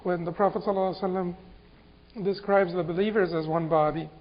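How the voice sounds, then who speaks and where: Man from Egypt, lecturer; high voice, stop-start delivery with lots of repeats and fillers, muffled lo-fi sound. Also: fairly even intonation. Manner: halting, repeats words, many fillers. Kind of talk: Islamic lecture. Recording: dull lo-fi recording.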